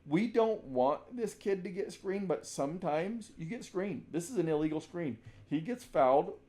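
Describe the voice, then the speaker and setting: A coach with a high-pitched, expressive voice breaks down basketball film at a moderate pace. His talk is casual and full of restarted sentences, punctuated by the odd shouted example call.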